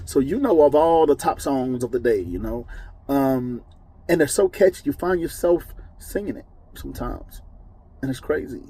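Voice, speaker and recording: A man's voice: mid-range voice, animated, normal speed, dark tone, husky, poor audio. A man giving an informal Bible teaching, conversational and emphatic, often checking in with "okay?". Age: adult with children. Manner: emphatic, moralizing. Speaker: preacher.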